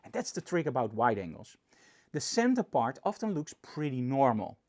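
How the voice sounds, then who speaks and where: A male photography instructor with a Dutch accent talks through a tutorial. He explains with enthusiasm, his voice rising and dropping as he makes each point. The pitch sits in a middle range. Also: sing-song, normal speed. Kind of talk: presentation tutorial.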